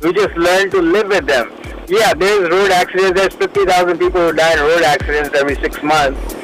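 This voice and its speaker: A man chats as a guest on a radio show. His pitch is a little high. He is emphatic and opinionated, repeating short phrases for weight, with faint music in the background. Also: a little fast, poor audio. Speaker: talk show guest, businessman. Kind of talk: casual opinionated radio chat.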